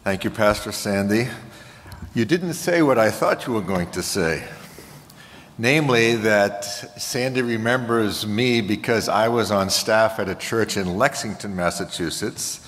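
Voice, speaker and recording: A man's voice: on the low side, measured pace, fairly bright tone, a little hiss or hum. An older man with a Boston accent, preaching as a guest in a conversational, wry and self-deprecating way. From Boston area, United States. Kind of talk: sermon with conversational anecdotes. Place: large church hall, at a pulpit. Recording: reverberant hall sound.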